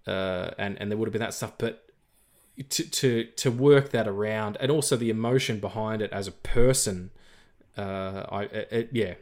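A man's voice: on the low side, normal speed. A man co-hosting a film podcast, talking casually with lots of fillers, restarts and jokes. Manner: rambling, many fillers and restarts, jokey. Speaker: podcast co-host. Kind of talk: casual film review chat.

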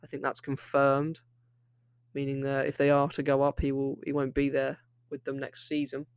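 A man's voice: mid-range voice, monotone, moderate pace, clean tone, no room sound, studio quality. A young man hosting a solo football podcast, opinionated and rambling, often restarting his sentences. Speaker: podcast host.

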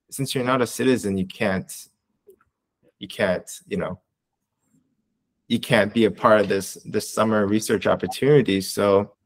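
A young man from Canada, a research coordinator answering interview questions in a casual, rambling way with many fillers and restarts. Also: fairly low pitch.

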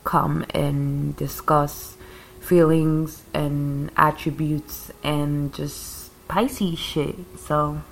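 A podcast host with a low, gravelly voice rambles and rants through a casual spiritual monologue, drawing out her words. She calls her voice calming and coughs now and then as she smokes, and a little hiss or hum is audible.

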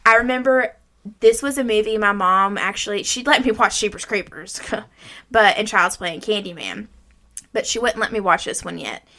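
A woman's voice: medium pitch, normal speed, bright, forceful tone. A woman around her thirties hosting a movie recap, mixing scripted summary with informal, salty chat. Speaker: podcast host.

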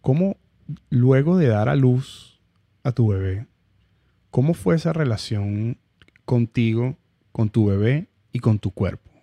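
Attentive male podcast host, warm tone. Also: medium pitch, animated, measured pace, long pauses, no room sound. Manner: attentive interviewer, short affirmations and reflective follow-up questions. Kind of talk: casual conversational interview.

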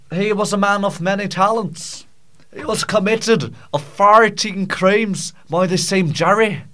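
A man doing a self-important Scottish nobleman in a hammy put-on Scottish accent, spinning grand tales that keep losing their thread. He drawls slowly and lets his words meander. It is an improvised comic character monologue. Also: fairly high pitch, a bit bright, pitched above the performer's own voice. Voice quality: mock-grand, rambling, loses his thread.

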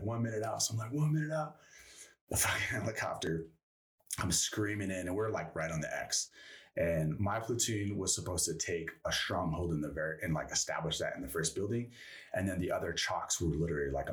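Deep-voiced man telling a profane war story. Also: brisk, recorded from a distance. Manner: profane, rambling, animated storyteller. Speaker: guest, former Green Beret. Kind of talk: casual storytelling interview.

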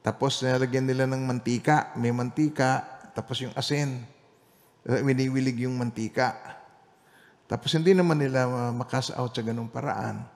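A male pastor leading a Bible study, telling a personal testimony in an animated way that swings between loud emphasis and quiet asides. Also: medium pitch, normal speed, in a large hall.

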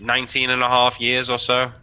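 A man playing an imposing, composed captain in tabletop role-play, speaking in a formal, measured, dryly sardonic way. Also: medium pitch, completely flat delivery, muffled recording, noisy background, voice pushed up, natural voice. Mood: stern, sardonic. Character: imposing, composed male captain bargaining with a prisoner.

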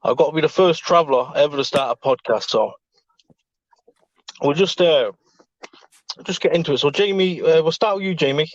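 A man's voice: a little high, normal speed, pauses often, no echo, muffled recording. Man hosting a casual podcast. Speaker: podcast host. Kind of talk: casual chat.

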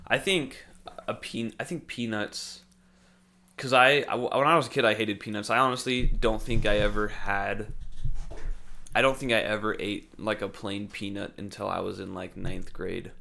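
A man's voice: lowish voice, steady tone, moderate pace, vocal fry, pushed and bright. A young man hosting a casual chat, rambling with lots of fillers and restarts and laughing often. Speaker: host.

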